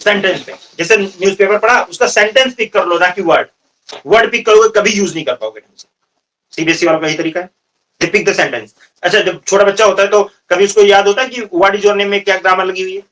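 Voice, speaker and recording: A high-pitched, fairly bright male voice belongs to a man in his thirties with a Hindi accent, teaching English vocabulary to a class at a fairly quick pace. He shoots out questions and repeats the answers students give. The audio is recorded from afar.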